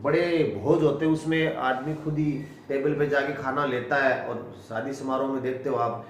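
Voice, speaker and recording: A man with an Indian accent teaching English pronunciation, spelling out words letter by letter and repeating each one slowly. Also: mid-range voice, fairly even intonation, a little hiss or hum. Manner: slow and deliberate, repeating each word. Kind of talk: classroom lesson, spelling out words. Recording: echoey room, voice from far off.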